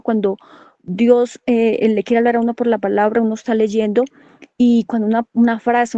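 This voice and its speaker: A woman's voice: a little high, mellow, dry recording. A woman preacher, giving an earnest testimony sermon and calling her listeners brothers. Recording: dull lo-fi recording.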